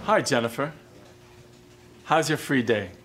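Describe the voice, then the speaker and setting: A man's voice: mid-range voice, animated, takes it slowly, a bit bright. An actor playing a friendly young man in a scripted course dialogue, casual and inviting.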